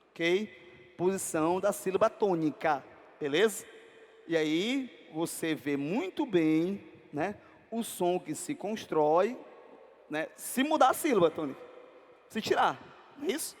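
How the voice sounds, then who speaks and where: Brazilian guy teaching exam prep, high voice, sounds like a reverby hall. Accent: Brazilian Portuguese. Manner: peppers talk with tag questions.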